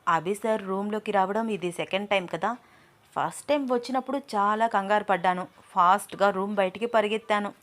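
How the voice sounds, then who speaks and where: A woman voicing a bold, quick-tongued young woman in an audio story, teasing and sharp-spoken. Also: mid-range voice, natural voice. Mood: curious, playful. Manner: teasing, then sharp and scolding.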